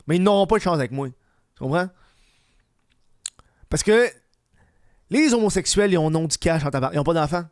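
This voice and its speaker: Hosting a comedic solo podcast, a man with a Quebec French accent rambles in a casual, slangy way, his somewhat high voice lively in intonation, fairly quick, yet broken by long pauses. His tone is darkish and smooth, and dental aligners give his s a slushy lisp. The recording is studio quality with no echo.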